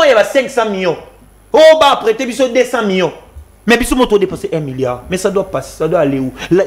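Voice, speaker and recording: A Congolese man giving an impassioned political talk, fiery and repetitive, switching between French and Lingala. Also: sits high. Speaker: guest commentator.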